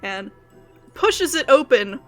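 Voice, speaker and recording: A woman's voice: high-pitched, sing-song, slow pace, fairly bright tone, faint music behind. A woman narrating a tabletop game as game master, descriptive and playful. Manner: descriptive and playful, laughs often.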